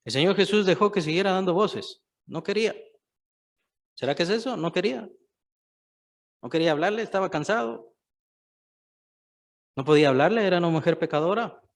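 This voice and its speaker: A man's voice: high-pitched, expressive, fairly quick, creaky, pauses often. A man preaching a sermon, stressing points by repeating phrases and putting questions to the listeners.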